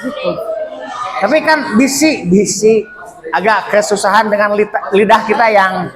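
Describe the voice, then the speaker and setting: A man's voice: high-pitched, a little slow. Sundanese guy teaching english, drilling words over and over, noisy class chatter behind. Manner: coaching, repeats words for drilling. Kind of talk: classroom instruction. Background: student chatter.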